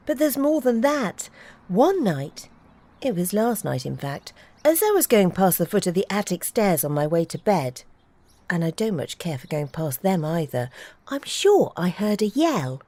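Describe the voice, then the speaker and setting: Miserable young boy, earnest and worked up, mellow tone, as a woman reading puts him on. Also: mid-range voice, very animated, unhurried, dry recording. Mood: confiding. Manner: earnest and wound up. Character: unhappy, grubby young boy.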